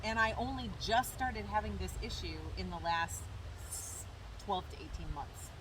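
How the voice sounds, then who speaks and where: A woman's voice: medium pitch, lively intonation, normal speed, a bit bright, a little hiss or hum, low-quality recording. A middle-aged woman co-hosting a casual chat, speaking frankly with a wry, joking manner. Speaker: podcast co-host.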